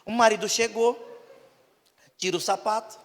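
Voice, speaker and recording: A Brazilian pastor with a very high, gravelly voice preaches a playful sermon, slipping into character voices and sudden shouts. His words ring out in a large church hall with a long echo trailing after them. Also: fairly even intonation, normal speed. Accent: Brazilian Portuguese. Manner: acts out voices of congregants and demons, shouting bursts. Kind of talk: lively humorous sermon.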